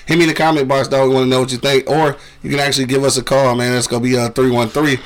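A man's voice: mid-range voice, little pitch movement, very fast. A man hosting a casual radio show, bantering loosely with profane trash talk.

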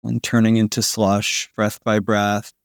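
A man narrating a guided sleep meditation in a slow, soothing manner with long pauses, like a sleep story narrator. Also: fairly low pitch, monotone, vocal fry, dry recording, studio quality. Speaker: podcast host guiding a sleep meditation.

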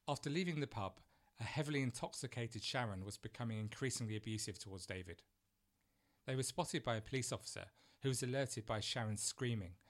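A man narrating a true crime story in a measured, grave manner. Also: on the low side.

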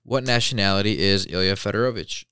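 A man's voice: on the low side, quick pace, pushed and bright, clean tone, dry recording, clean studio sound. A man in his late twenties with an American accent, chatting casually in a blunt, slangy, sweary way. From born in Belarus, moved to the US at three. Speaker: guest answering searched questions about himself. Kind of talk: casual chat.

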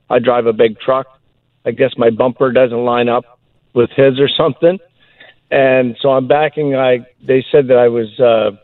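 A man's voice: medium pitch, no echo. Sex: man. Role: radio call-in caller. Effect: speakerphone call. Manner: rambling, puzzled, self-correcting. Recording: tinny phone line, dry. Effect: heard over a speakerphone call. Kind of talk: casual phone-in storytelling.

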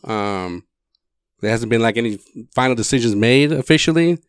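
Man, sports podcast host, casual, halting delivery, informal, dry recording. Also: mid-range voice, expressive, clear, resonant tone, no room sound.

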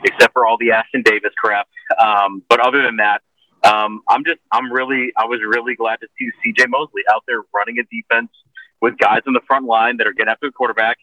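A man co-hosting a casual sports chat, calling in from his car, his voice thin and tinny with no bass, rambling with lots of ums and restarts. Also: fairly even intonation, a little fast, pushed and bright, no room sound. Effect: thin tinny voice with no bass, like from a tin can. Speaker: podcast co-host. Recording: tinny phone line from a car.

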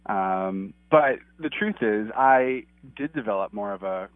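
A lower-voiced man comes through a thin, clipped phone line with a dry sound. He talks earnestly and rambles, stopping and restarting his thoughts as a guest on a call-in interview. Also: lively intonation, measured pace, no room sound. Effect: clipped phone line that cuts out. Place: outside his office.

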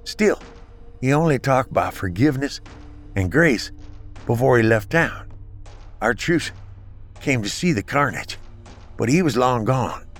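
A man's voice: mid-range voice, animated, measured pace, pauses often, faint music behind, voice pushed up, close to an everyday voice. A man voicing a bitter male Confederate bushwhacker soldier who slurs his words and breathes heavily. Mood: pleading.

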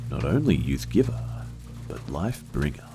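A man's voice: extremely low pitch, sing-song, moderate pace, vocal fry, mellow, faint music behind, heavily acted. A man narrating a horror story voices a cruel, ancient male spirit with a contemptuous drawl.

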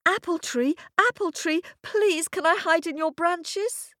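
A woman's voice: extremely high pitch, unhurried, a bit bright, no room sound, clean studio sound, voice pushed up. A woman voicing a polite, brave little girl asking for help. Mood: pleading. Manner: pleading.

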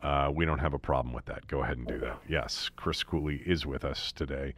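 A man hosting a sports podcast in casual chat, talking his way through a topic with restarts and a voice that is going hoarse. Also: a bass voice, brisk, fairly bright tone, dry recording. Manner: chatty, restarts mid-sentence. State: losing his voice. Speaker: podcast host.

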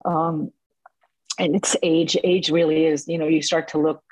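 A husky woman in her early sixties chats as an interview guest. She tells her stories in an animated way, laughs often and fills her talk with "you know" and "um". She sounds close and dry, with no room around her. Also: sits low, measured pace, dry recording, poor audio. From born in Cuba, raised in New Jersey. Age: 60s. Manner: animated storyteller, laughs often, many fillers. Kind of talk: casual interview chat.

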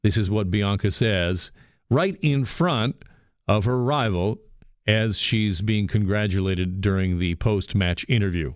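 A Canadian radio host with a fairly low-pitched voice chats and jokes at an unhurried pace from a studio booth. His talk show is captured on a studio microphone with no echo.

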